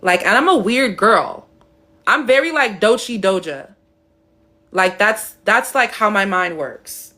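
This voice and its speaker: This woman's live-stream voice is expressive, bright and pushed, and she speaks a little slowly. Blunt and emphatic, she swears while reading chat comments, playfully swinging her voice between high and deep tones.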